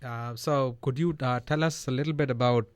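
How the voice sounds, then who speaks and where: A man's voice: medium pitch, fairly even intonation, normal speed, smooth, no room sound. A man hosting a radio interview in a studio, speaking hesitantly with many fillers. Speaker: radio host. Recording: dry studio sound.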